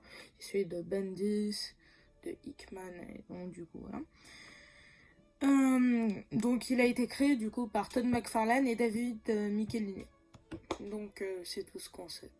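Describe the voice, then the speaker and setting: A woman's voice: medium pitch, moderate pace, a little mellow, faint music behind. A woman talking casually about comics for her channel, hesitant, with many fillers, self-corrections and frequent laughs. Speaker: comics YouTuber.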